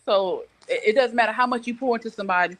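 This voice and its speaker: A middle-aged woman with a fairly high voice talks fast while hosting a casual live morning show. She chats, reads viewer comments, and tells personal stories in a conversational way, giving frank, emphatic advice.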